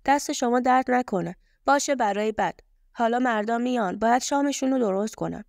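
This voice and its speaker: Female narrator voicing a sharp, demanding older mother in a storybook, dry close sound. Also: a little high, gravelly, dry recording. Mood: curt. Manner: sharp, accusing.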